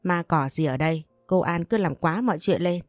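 A woman's voice: fairly low pitch, normal speed, dry recording, clean studio sound, soft background music, natural voice. A woman voicing a stubborn young wife in an audio story, blunt and defiant. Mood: exasperated. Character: stubborn young wife who won't be bullied.

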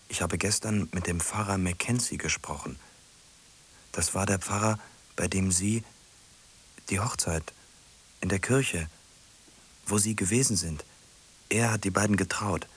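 An actor in a German radio drama plays a lonely, obsessive man, anxious and pleading. His male voice sits low and is husky, often dropping into whispers as he mutters to himself in short, repeated phrases.

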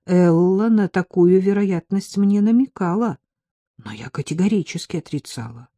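A woman narrates a first-person audiobook in a measured, anxious inner voice. Her voice is low, warm and slightly husky. The recording is close and dry. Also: no echo.

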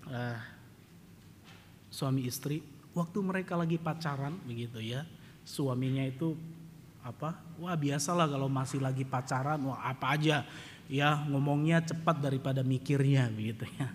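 A male pastor preaching a sermon, telling humorous stories and rising to loud emphasis, recorded in a church. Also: medium pitch, moderate pace. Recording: church hall reverb, faint ambient noise.

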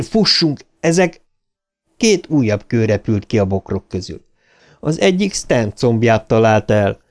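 A man reading an audiobook aloud in an expressive, dramatic narration style. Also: fairly low pitch.

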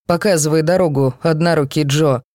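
A woman's voice: low-pitched, steady tone, a little fast, a little mellow, no echo, clean studio sound, natural voice. A woman reading the lines of a blunt, sarcastic young man who teases everyone around him. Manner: sarcastic, teasing.

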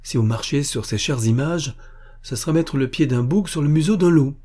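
A man's voice: medium pitch, normal speed, mellow, voice pushed up, natural voice. A man voicing a defiant young nobleman prisoner, sardonic and taunting. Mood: mocking.

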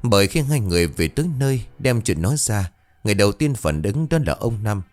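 A man narrating a ghost story in a dramatic, expressive way. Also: fairly low pitch, a little fast, faint music behind.

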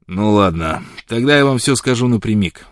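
Storybook figure: loud blunt old woodsman, read by a man, dry close sound. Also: lowish voice, animated, normal speed, dry recording, lightly acted. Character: gruff old frontiersman, blunt and devoted.

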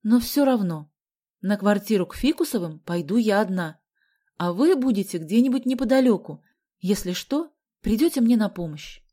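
A woman's voice: mid-range voice, expressive, moderate pace, dark tone, lightly acted. A woman reading an audiobook aloud, voicing a determined, commanding teenage girl. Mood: firm. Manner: urgent, commanding. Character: determined teenage girl Galya, bossy and brave. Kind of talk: audiobook character voice.

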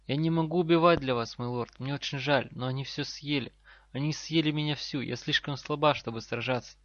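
A man with a natural, mid-range voice speaks briskly as he portrays a broken, desperate woman prisoner devoted to her lord. His voice trembles and sobs as she pleads tearfully. The recording is dry and slightly dull.

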